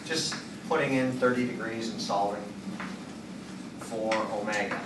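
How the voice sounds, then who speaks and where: A man in his sixties giving a chalkboard lecture, working through equations and thinking out loud, hesitating and correcting himself. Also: lowish voice, measured pace. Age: 60s. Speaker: engineering lecturer. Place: classroom at a chalkboard. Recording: roomy classroom, distant mic, background noise.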